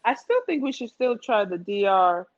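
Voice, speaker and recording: The podcast speaker sounds animated, with a medium-pitched voice at a normal speed, as she and a friend talk casually about travel. She often says phrases twice for emphasis, captured in dull lo-fi sound.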